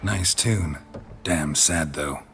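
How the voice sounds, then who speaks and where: A man playing a gruff, laconic monster hunter for hire in a video game, terse and deadpan. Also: deep voice, takes it slowly, music in the background. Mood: dry.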